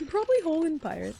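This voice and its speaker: Squealing, excitable woman game streamer. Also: sits high, gravelly. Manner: playful, yelps and squeals when startled, voice cracks. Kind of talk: casual live gameplay commentary. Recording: noisy live stream audio.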